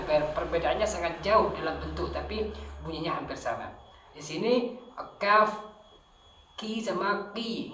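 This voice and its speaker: A woman teaching Quran letter pronunciation, rushing through explanations and sounding out drill words slowly. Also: lowish voice. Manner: explains quickly, then pronounces drill words slowly and loudly. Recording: echoey room with faint noise.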